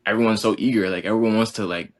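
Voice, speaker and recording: A college basketball player in his twenties talks fast in a lowish, steady voice. On a casual podcast he rambles earnestly, dropping "like" into nearly every sentence.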